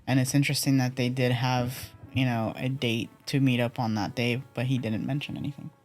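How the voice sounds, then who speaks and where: A man's voice: mid-range voice, level tone, a little fast, soft background music. A man giving casual game commentary as he reasons through a mystery. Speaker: player discussing a mystery game.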